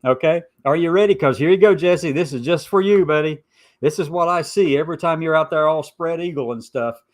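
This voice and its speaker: A man's voice: a little high, brisk. A man hosting an informal opinion show, stressing and repeating his points with sarcastic asides. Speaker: host of a commentary show.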